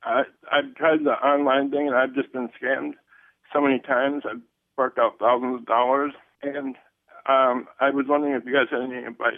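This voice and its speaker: A shy man in his forties calling in over the phone, speaking haltingly with restarts. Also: mid-range voice, flat delivery, dry recording. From United States. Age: 40s. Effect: heard over a phone line. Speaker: caller. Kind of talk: call-in advice request. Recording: tinny phone line.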